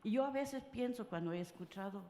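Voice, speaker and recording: An older woman from France speaking at a round-table panel, halting and full of filler sounds. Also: a little high, animated, warm tone. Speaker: conference panelist. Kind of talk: personal talk at a round table. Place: conference hall. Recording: roomy conference hall sound.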